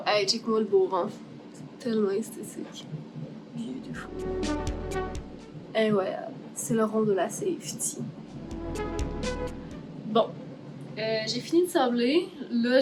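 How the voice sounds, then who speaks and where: A woman with a slightly high voice and a Québécois French accent hosts a casual making-of vlog in her art workshop, with background music playing. A craft artist, she explains her steps informally, thinks aloud, and mixes in some English words, all on a low-quality recording.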